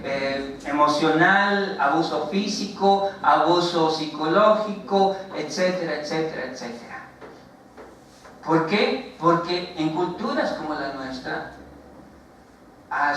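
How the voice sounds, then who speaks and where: A man with a Mexican accent preaching a sermon as pastor, talking slowly with many fillers and rhetorical questions to the congregation. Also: a little high, a bit bright, slight background noise. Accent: Mexican Spanish. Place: church sanctuary. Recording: very echoey church, voice from far off the mic.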